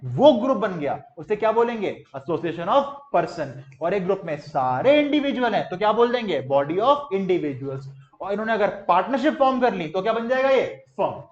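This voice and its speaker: A man's voice: high-pitched, reverberant, lo-fi sound. A male teacher giving a classroom lecture, quizzing his students and leading them in call-and-response drills.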